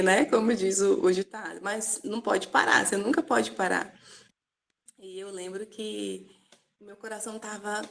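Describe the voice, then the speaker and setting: A woman's voice: a little high, gravelly, a little hiss or hum. A woman with a Brazilian Portuguese accent giving an earnest, conversational personal testimony, often asking "né?" and "sabe?".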